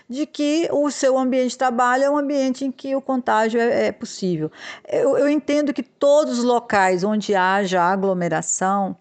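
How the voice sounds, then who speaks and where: A woman explains workplace legal rules on a podcast. She is deliberate and advisory, and she often hesitates and restarts a phrase before going on. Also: medium pitch, a little mellow. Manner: measured, with frequent hesitations and restarts. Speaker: podcast host, labor law advisor.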